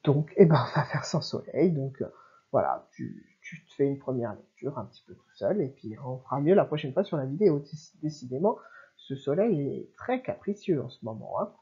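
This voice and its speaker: A woman teacher giving a remote reading lesson to young children, sounding out syllables slowly and clearly and encouraging the child. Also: very deep voice, expressive, dark tone, highs cut off. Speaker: primary school teacher.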